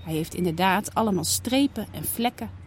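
A woman storyteller reading a children's animal story aloud in a lively, expressive way. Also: medium pitch, moderate pace, slight background noise.

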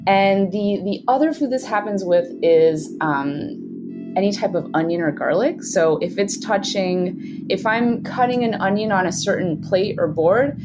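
A woman's voice: medium pitch, a little slow. A woman from Switzerland, casually telling a personal story. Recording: loud music behind the voice. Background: loud guitar music.

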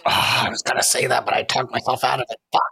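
A man's voice: mid-range voice, little pitch movement, fast, gravelly, pushed and bright. Man bantering on a podcast quiz. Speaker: podcast co-host and quiz contestant.

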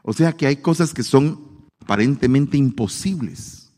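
A man preaching a sermon with humor, animated and playful, acting out the voices he quotes. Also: medium pitch, measured pace, in a large hall.

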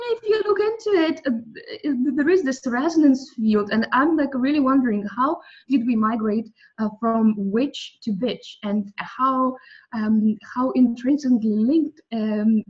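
A guest whose native language is Russian talks thoughtfully about soul and language in a spiritual interview, often restarting. Her voice is a little high with a darkish tone, and the audio is dull.

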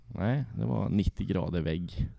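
Low-voiced man telling a crude story. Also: gravelly, no echo, dull audio. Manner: profane, laughs through his story. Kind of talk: casual anecdote telling.

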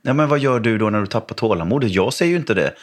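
Lively, animated man telling a story. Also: lowish voice. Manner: animated, jumps into voices. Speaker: podcast co-host, father. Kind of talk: casual chat, storytelling.

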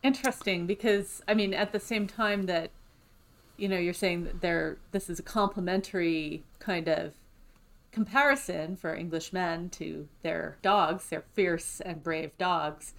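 A woman co-hosting a podcast in a lively, chatty way. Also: lowish voice, measured pace, creaky. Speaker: podcast co-host. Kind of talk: casual chat.

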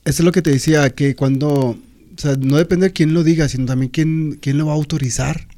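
A man's voice: on the high side, fairly even intonation, brisk, mellow. A man co-hosting a casual podcast, blunt and teasing, swearing casually. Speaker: podcast co-host. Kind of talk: casual chat.

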